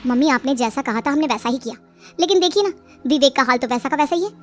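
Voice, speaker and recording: A woman's voice: high voice, lively intonation, fast talker. A woman voicing a fed-up young married daughter in a story, whiny and complaining. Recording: music behind the voice.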